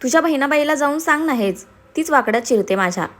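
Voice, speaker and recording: A woman's voice: high voice, animated, fast talker, a bit bright. A woman voicing a confident, teasing young man in a storybook reading. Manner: playful, teasing.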